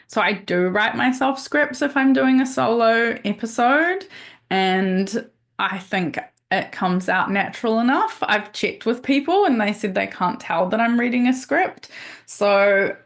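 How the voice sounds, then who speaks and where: A woman's voice: fairly high pitch, expressive, a little slow. A woman podcast host giving a casual webinar over a video call, chatty and upbeat, with plenty of fillers and restarts.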